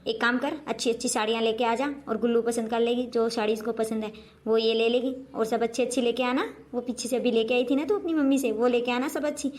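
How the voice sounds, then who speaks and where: A woman playing a fussy, scolding mother-in-law who favors her daughter, in a home-made comic family skit, talking in a quick nagging manner. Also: fairly high pitch, steady tone, darkish tone, lightly acted. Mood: coaxing.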